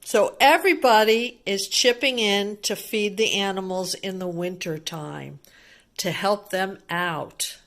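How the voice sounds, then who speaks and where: A woman with a mid-range, creaky, slightly bright voice reads a picture book to young children, taking it slowly. She adds chatty commentary and simple explanations and often asks the child questions.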